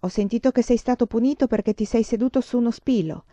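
A woman voicing a calm, serious father on a school board, speaking slowly and weighing each word. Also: a little high, no echo, voice pushed up, lightly acted. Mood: stern. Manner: slow, measured and serious. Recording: dull, dry lo-fi audiobook recording.

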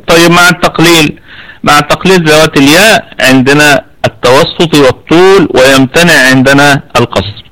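A man with an Egyptian accent teaching an online Quran recitation lesson, explaining patiently and repeating words slowly to demonstrate. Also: a little high, pushed and bright, poor audio. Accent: Egyptian Arabic. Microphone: computer mic over an online voice chat.

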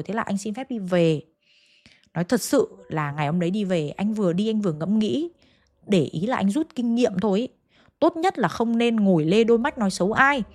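A young woman with a Hanoi accent narrating a ghost story in a chatty way, speaking straight to her listeners. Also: mid-range voice. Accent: Hanoi Vietnamese. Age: young adult. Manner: chatty, addresses listeners directly.

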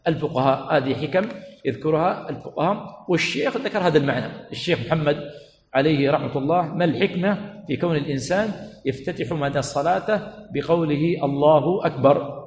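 Male sheikh giving a classroom lesson, pitched a little high, drawing out words and quizzing the room, recorded in a reverberant hall with faint background noise. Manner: prompts students with repeated questions, stretches words slowly. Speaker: sheikh teaching a religious lesson. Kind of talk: classroom lecture. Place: teaching center hall.

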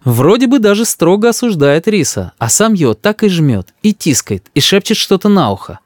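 Man, audiobook narrator, wry storytelling, animated pitch, dry close sound. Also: moderate pace, no echo. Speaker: audiobook reader.

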